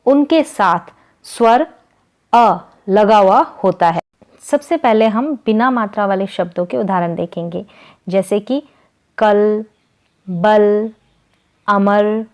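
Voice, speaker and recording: A woman teaches a beginner's reading lesson at an unhurried, very slow pace, pausing after each example word. Her pitch sits in a middle range, and she sounds out every syllable clearly and deliberately. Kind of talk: slow, careful Hindi vowel-sign lesson.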